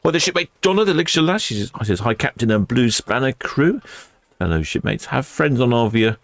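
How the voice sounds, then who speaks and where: A man's voice: medium pitch, big pitch swings, moderate pace, no room sound. A man hosting a livestream with casual, chatty ship-spotting commentary, musing aloud as he goes. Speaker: livestream host.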